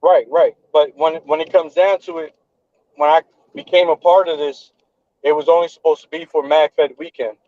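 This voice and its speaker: A man's voice: a little high, steady tone, moderate pace, narrow, tinny audio. A man in his thirties hosting a podcast over a remote call, talking casually and earnestly, repeating phrases as he builds a point. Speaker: podcast host and event organizer. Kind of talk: casual chat.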